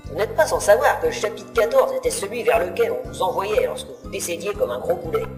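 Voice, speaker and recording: A man's voice: sits high, reverberant. A man playing a fussy, chatty narrator who explains things wryly to the audience of an audio drama. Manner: explanatory, wry.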